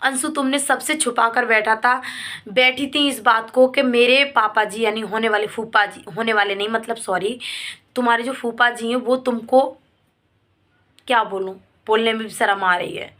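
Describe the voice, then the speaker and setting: In a somewhat bright, high voice with fairly even intonation and a moderate pace, a woman vlogs her opinion on a family controversy. Talking informally to viewers and a person involved, she presses her points by repeating phrases, reproachful and pleading.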